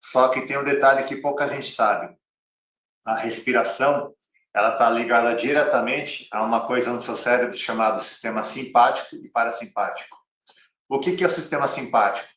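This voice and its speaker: A man's voice: medium pitch, fairly even intonation, normal speed, a bit bright. A man with a Brazilian Portuguese accent teaching an online cycling lesson, direct and repeating key phrases like a coach. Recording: roomy, slightly distant mic.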